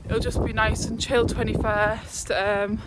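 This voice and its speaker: In a very noisy recording, a twenty-year-old fitness vlogger chats to camera on an uphill walk, slightly breathless, laughing and using fillers. She speaks a little slowly in a slightly high, level voice. Her phone is held at arm's length.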